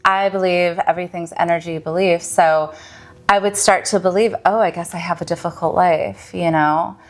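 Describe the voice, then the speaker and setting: A woman's voice: lowish voice, fairly even intonation, normal speed. A woman in her thirties from Michigan, a guest healer telling her story in an earnest, reflective way. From Michigan, USA. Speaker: podcast guest, mystic and healer. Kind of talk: casual podcast interview.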